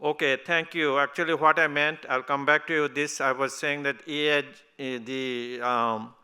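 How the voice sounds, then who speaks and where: A man's voice: fairly high pitch, fairly even intonation, normal speed, pushed and bright, smooth. A man moderating a conference panel, talking in a loose, rambling way and laughing easily.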